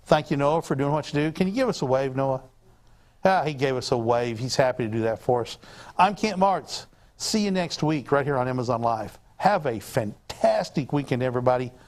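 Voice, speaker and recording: A man's voice: mid-range voice, lively intonation, a little fast, a little mellow. A man hosting a casual sales livestream, upbeat and rambling with frequent fillers. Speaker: livestream host.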